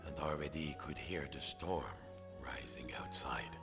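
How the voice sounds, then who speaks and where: A man narrating a storybook video game in a dramatic, expressive storyteller's manner. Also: very deep voice, moderate pace, vocal fry, over loud music.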